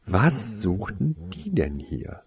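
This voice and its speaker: Slow, expressive male storyteller. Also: fairly low pitch, slightly rough, dry recording. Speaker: audiobook reader. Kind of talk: storybook narration.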